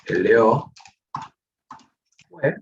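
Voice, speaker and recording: A man's voice: lowish voice, extremely slow. Rioplatense man teaching a coding class. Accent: Rioplatense Spanish. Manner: explanatory, checks in with frequent "¿sí?". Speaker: programming teacher. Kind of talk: online class, live coding. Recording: distant, muffled online class audio.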